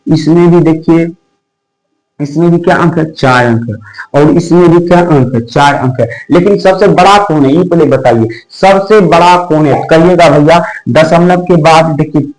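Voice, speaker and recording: A man's voice: on the high side, a little mellow, poor audio. A man teaching a maths lesson online in a folksy, repetitive way, asking questions and answering them himself. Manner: folksy, addresses pupils as brother.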